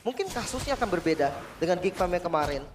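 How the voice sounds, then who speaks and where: A man with an Indonesian accent giving energetic, analytical commentary on an esports match. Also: high-pitched, quick pace, background noise.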